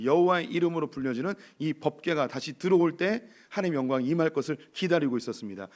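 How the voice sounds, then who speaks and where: Male pastor, hoarse, slightly raised pitch, lively sermon delivery full of rhetorical questions to the church. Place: church sanctuary.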